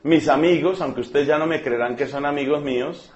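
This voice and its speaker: A man's voice: on the high side, a little fast, a little mellow, dull audio. A man preaching a sermon, emphatic and joking, repeating words for effect.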